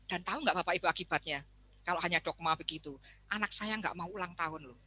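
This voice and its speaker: A woman's voice: fairly low pitch, fast, husky. A middle-aged woman psychologist, talking to parents over a video call and acting out the voices of children and teachers. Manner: animated, acts out quoted voices of children and teachers. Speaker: psychologist speaking at a parenting webinar. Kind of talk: lively talk to parents.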